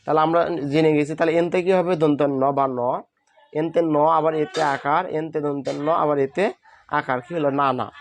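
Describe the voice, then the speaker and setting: A man's voice: fairly high pitch, steady tone, brisk. A man teaching a spoken lesson, patiently asking questions and answering them himself. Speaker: English teacher.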